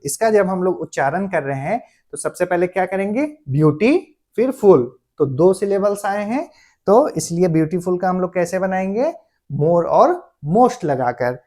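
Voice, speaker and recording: A man teaching a grammar lesson. He explains patiently, often slows down to dictate words one at a time, and checks in with his listeners as he goes. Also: high voice, mellow. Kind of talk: classroom-style grammar lesson.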